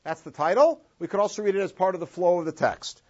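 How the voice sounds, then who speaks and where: A man from Los Angeles leads a classroom text study, animatedly singing out phrases in long, drawn tones. His voice is high-pitched and breathy, and he talks fast on a dull lo-fi classroom recording.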